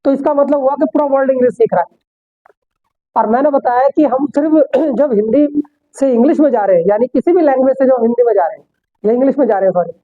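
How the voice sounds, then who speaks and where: A man teaching an English class, explaining step by step and answering his own rhetorical questions. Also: very high-pitched. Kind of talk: classroom lecture. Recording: tinny phone-like sound.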